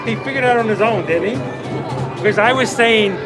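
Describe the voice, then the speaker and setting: Male livestream host, high-pitched, w-for-r speech impediment, casual animated storyteller, music and crowd behind. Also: normal speed. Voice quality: speech impediment on R sounds, says w for r. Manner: animated storytelling with acted-out quotes. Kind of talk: casual livestream chat at a theme park. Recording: background music and crowd noise in public space. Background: theme park music and crowd chatter.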